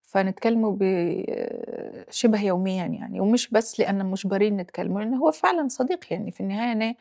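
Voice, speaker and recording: A woman in her forties from Libya, speaking with a Libyan accent as an interview guest, reflective and halting, mixing English phrases into her speech. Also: mid-range voice, vocal fry, a little mellow. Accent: Libyan Arabic. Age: 40s. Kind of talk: personal interview.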